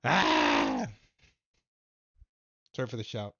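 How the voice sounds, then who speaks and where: A man hosting a casual stock market livestream, animated and laughing, swinging from low mumbles to loud exclamations. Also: moderate pace, lo-fi sound.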